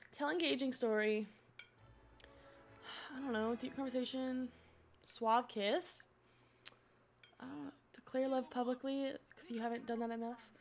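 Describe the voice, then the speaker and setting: A young woman streaming a life-sim game from home, chatting casually with her viewers and reacting as she plays. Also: sits high. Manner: chatty and excitable, reading chat aloud. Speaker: Twitch streamer. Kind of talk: casual gameplay streaming chat.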